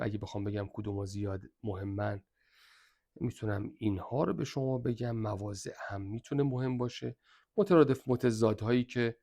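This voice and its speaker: A man's voice: on the low side, warm tone. A man with an Iranian Persian accent teaching an exam review lesson, emphatically repeating which points are very important.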